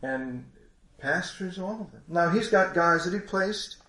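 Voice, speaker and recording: Congested preacher with a folksy ramble. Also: male voice, sits high, animated, a little slow, a bit bright, roomy sound. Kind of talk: sermon.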